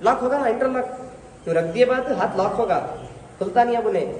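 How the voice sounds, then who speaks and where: A man's voice: extremely high pitch, brisk. A religious teacher demonstrating prayer steps to a group of learners, correcting and coaxing them as he goes. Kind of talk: hands-on prayer instruction. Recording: echoey hall, faint noise.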